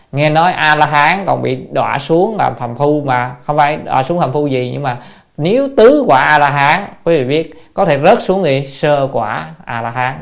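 A dharma teacher gives a sermon lecture. The teacher poses rhetorical questions, repeats "đó" often, and slows down to stress key phrases. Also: medium pitch, gravelly.

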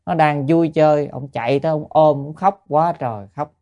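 A man's voice: fairly high pitch, moderate pace, mellow, dull audio. A man giving a Buddhist dharma talk, telling a story and asking listeners rhetorical questions. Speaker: Buddhist teacher.

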